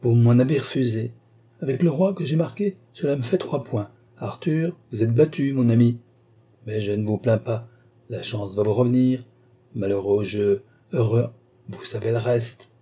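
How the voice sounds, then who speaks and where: A man voicing a blustering, hearty old gentleman card player in an audiobook, boisterous and full of exclamations. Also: mid-range voice, moderate pace, slightly rough, natural voice. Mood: gloating.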